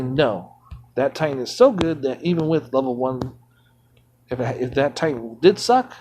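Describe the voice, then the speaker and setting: A man streaming a game from home, ranting indignantly in casual commentary. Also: fairly high pitch.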